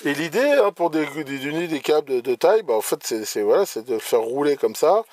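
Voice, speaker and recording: Very animated and fairly quick, a man with a slightly high, somewhat mellow voice walks through electronics he bought. He's a hobbyist doing casual show-and-tell, hesitant and full of restarts and fillers; the recording has no echo.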